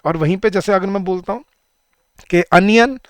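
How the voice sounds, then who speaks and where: A man's voice: high-pitched, moderate pace, smooth, no echo, clean studio sound. A man teaching an online exam-prep English lesson, talking to the class in a chatty way and answering his own questions.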